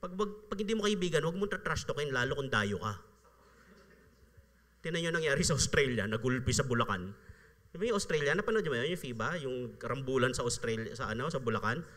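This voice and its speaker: A man's voice: medium pitch, lively intonation, fast, fairly bright tone. A man preaching a sermon as a pastor, conversational, acting out the people he quotes and laughing often. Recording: live church sound with long reverb.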